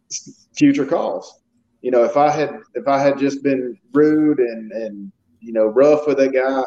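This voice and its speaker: A police officer guest telling a work story in a relaxed, anecdotal way during a casual interview. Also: male voice, medium pitch. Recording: dull lo-fi sound.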